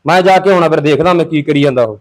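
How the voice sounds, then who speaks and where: A man's voice: on the high side, racing, close to an everyday voice, poor audio. A man playing a reassuring brother in a village drama, with a Punjabi accent. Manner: reassuring, casual. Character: helpful brother of the headman's wife.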